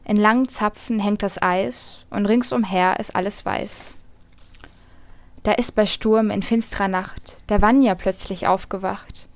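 A woman reading a rhymed children's story aloud, lively, lifting her voice for the animals' lines. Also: mid-range voice, measured pace, dry recording.

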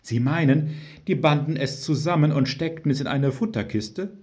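A man voicing a rough, outspoken girl who fires off blunt, indignant questions. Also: a little high, moderate pace, darkish tone, voice pushed up, natural voice. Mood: outraged.

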